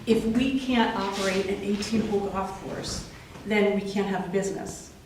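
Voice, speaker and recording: Sex: woman. Role: business owner. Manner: brief, polite, firm. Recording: distant, very echoey room, loud noise. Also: medium pitch, fairly even intonation, moderate pace. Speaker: golf club owner giving a statement. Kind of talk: public comment at a hearing. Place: township meeting room.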